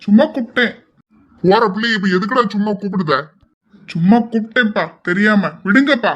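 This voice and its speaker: A man's voice: sits high, brisk, a bit bright. [name], a man doing a cheeky young guy. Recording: slightly dull lo-fi audio.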